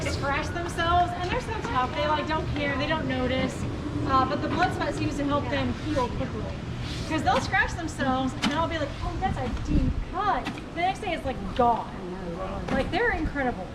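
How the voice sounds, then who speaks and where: Brief: American woman, high voice, zookeeper-guide talking casually to guests, recorded off-mic amid loud outdoor noise. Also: far from the mic. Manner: casual, conversational, instructing. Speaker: animal keeper guiding a hippo encounter. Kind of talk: informal explanatory tour talk. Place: outdoors at an animal park.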